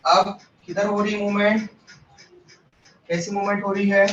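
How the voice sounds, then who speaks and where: A man with a fairly high voice teaches a biology lesson. He explains step by step and keeps asking his students questions. He is picked up from a distance in an echoey classroom with a muffled sound. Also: little pitch movement, unhurried, a bit bright, a little hiss or hum. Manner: mixes English terms into Hindi.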